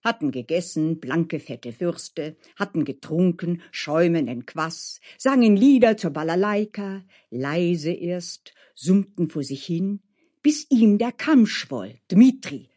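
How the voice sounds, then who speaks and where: A storyteller reading a fairy tale aloud with lively rising and falling emphasis. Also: mid-range voice, unhurried.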